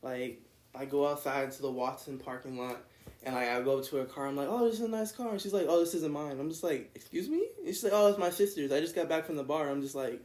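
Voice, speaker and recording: A man's voice: medium pitch, fast talker, darkish tone, reverberant. A young man in casual chat, telling a rambling story full of "like" and acted-out quotes. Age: young adult.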